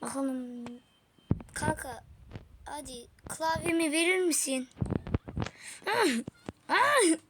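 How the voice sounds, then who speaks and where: A woman giving excitable, slangy play-by-play commentary while gaming, talking to her viewers and her teammates. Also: high voice, measured pace, pauses often, very noisy. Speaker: gaming video creator. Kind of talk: live let's-play commentary. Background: game music.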